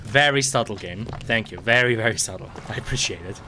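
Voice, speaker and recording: A young man giving casual, rambling commentary over a video game, sarcastic and quick to swear, often stumbling over his words. His voice sounds bright and forward, with a faint hiss of noise behind it. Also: lowish voice. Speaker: streamer.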